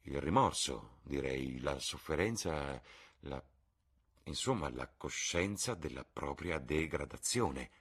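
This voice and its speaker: Man voicing a serious painter, grave, subdued, very deep, husky, audiobook. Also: lively intonation, slow pace, a bit bright, heavily acted.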